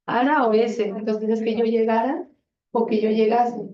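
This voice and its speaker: A woman leads a classroom conjugation drill, patient and quick to praise each answer. Her voice sits fairly high but sounds mellow and soft-edged. It is heard from some distance in a roomy, echoing classroom, with dull, muffled sound. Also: steady tone. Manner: patient, encouraging, often praising. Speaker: Spanish grammar teacher.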